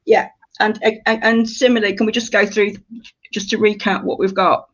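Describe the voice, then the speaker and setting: Recorded on dull lo-fi audio, this woman speaks at normal speed with a medium pitch that barely varies. She runs a creative writing workshop, offering her group courteous, somewhat tentative directions in a chatty manner.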